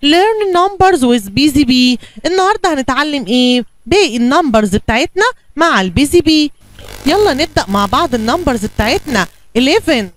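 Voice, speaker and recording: Egyptian woman teacher, high bright voice, dry close sound, coaxing classroom tone. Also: animated, a little fast, dry recording. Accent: Egyptian Arabic. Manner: coaxing, asks and answers her own questions. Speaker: kindergarten teacher. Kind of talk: bilingual classroom lesson for young children.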